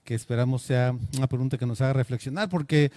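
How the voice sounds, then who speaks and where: A man's voice: mid-range voice, quick pace, darkish tone, dry recording. A man preaching a sermon, earnest and asking his listeners questions. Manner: earnest, asks the congregation questions.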